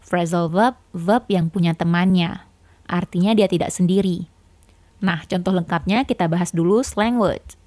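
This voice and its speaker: Patient woman teacher, low-pitched voice. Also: normal speed, a little mellow, no echo. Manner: patient, explains step by step with examples. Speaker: English teacher. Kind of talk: explanatory language lesson.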